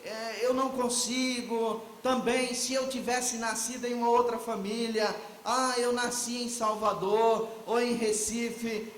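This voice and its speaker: A conference speaker with a very high, slightly bright voice delivers a theological lecture in a reflective way. He asks the audience questions before answering them himself. The low-quality recording sounds roomy, with slight background noise.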